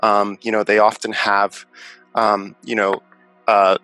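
A man's voice: fairly low pitch, level tone, slow, pushed and bright, clean tone, dry recording, faint music behind, poor audio. A middle-aged man from Finland, answering interview questions in a thoughtful way, with many fillers and restarts. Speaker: venture investor guest.

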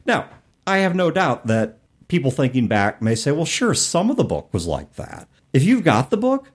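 A middle-aged man hosts a podcast of conversational commentary on tabletop gaming, speaking emphatically and often listing words one by one for effect. His slightly high, husky voice moves at normal speed with huge pitch swings.

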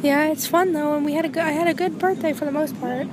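High-voiced teen girl chatting in a noisy car. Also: steady tone, fast. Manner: chatty, storytelling. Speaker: podcast co-host. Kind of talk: casual chat. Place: back seat of a car. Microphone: phone. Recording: phone recording with road noise in a car.

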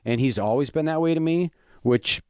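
A man's voice: on the high side, normal speed, darkish tone, clear, resonant tone, no room sound, studio quality. A man, a stand-up comedian, telling stories in a casual chat, rambling and hesitant with lots of fillers and restarts.

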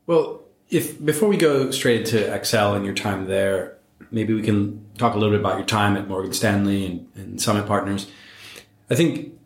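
Low-voiced man hosting a podcast. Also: normal speed, reverberant. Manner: conversational, repeats words when thinking. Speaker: podcast host. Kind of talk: interview podcast.

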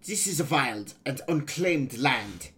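Male reader doing a practical boy pirate taking charge; calm, earnest, a touch brighter than the narration. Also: mid-range voice, takes it slowly, pitched above the performer's own voice. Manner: earnest, matter-of-fact planning.

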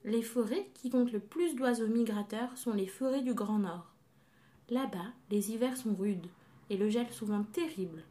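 A woman narrating a children's story, gently explaining things to a child listener. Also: a little high.

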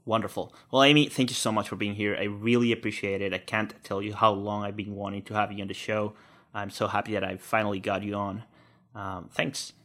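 Bright-toned young male podcast host. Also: on the low side, brisk. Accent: Spanish-speaker's accent. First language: Spanish. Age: young adult. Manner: energetic, repeats key phrases, says "right?" often. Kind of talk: podcast interview and solo wrap-up.

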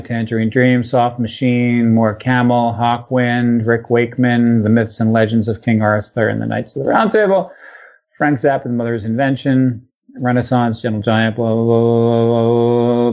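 A man hosting a podcast, talking casually and rattling off one title after another. He sounds relaxed and loose, dropping the odd swear word. The recording is dull and slightly lo-fi. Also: mid-range voice. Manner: rattles off long lists, with fillers and profanity. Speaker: podcast host. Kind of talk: casual chat listing albums.

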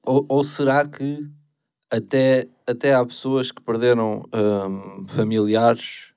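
A man's voice: medium pitch, flat delivery, slow, darkish tone, clean tone. A man chatting casually as a podcast host, informal and slangy, often hesitant. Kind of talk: casual chat.

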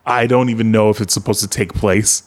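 A man with a fairly low voice jokes loosely through a casual podcast chat. He swears offhandedly and keeps a relaxed, easygoing flow. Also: a little fast. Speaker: podcast co-host.

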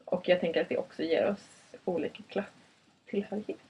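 A woman's voice: lowish voice, vocal fry, slight background noise. A young woman from northern Sweden, co-hosting a podcast in a reflective, casual chat, laughing often and restarting her sentences. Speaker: podcast co-host. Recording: muffled, distant from the mic.

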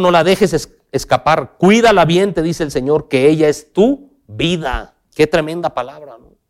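A man preaching a sermon, speaking straight to the listener with questions, dropping to soft low lines and then lifting into raised, emphatic passages.

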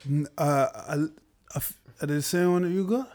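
Young london lad, bit higher voice, teasing slangy banter. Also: male voice, a little fast, darkish tone, a little hiss or hum.

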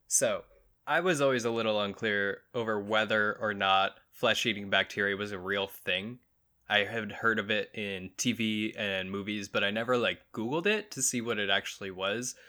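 A man hosting a solo comedy podcast, riffing crudely on strange news with bursts of mock outrage. His voice sits low but comes across bright and forceful. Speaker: podcast host.

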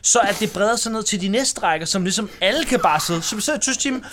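A man's voice: high voice, lively intonation, a bit bright, slight background noise. A man in his forties telling a school anecdote in a casual chat, acting out the people in the story. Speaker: podcast host.

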